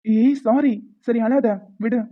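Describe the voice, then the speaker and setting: A woman's voice: fairly high pitch, steady tone, takes it slowly. Woman with a tinny phone-like voice. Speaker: narrator voicing the male lead and others. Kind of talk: animated story voice acting.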